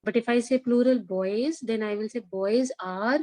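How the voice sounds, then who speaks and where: A woman's voice: on the high side, normal speed, a little mellow, no echo. A woman with an Indian accent, a school teacher instructing an online class, repeating herself and checking in with questions.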